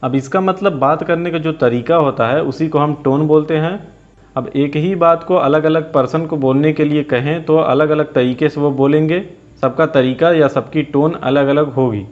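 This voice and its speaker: A man's voice: fairly high pitch, fairly even intonation, normal speed, highs cut off. Man teaching over faint music. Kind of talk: scripted explainer lesson.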